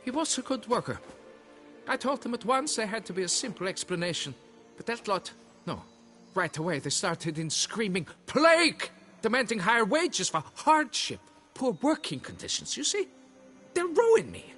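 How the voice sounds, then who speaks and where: A man voices a blustering quarry foreman in a game fan dub. The voice sits very high and bright, and it leaps around as he pleads and bargains in old-fashioned oaths. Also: very animated, moderate pace, faint music behind. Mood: flustered. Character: fussy, blustering male quarry foreman, middle-aged.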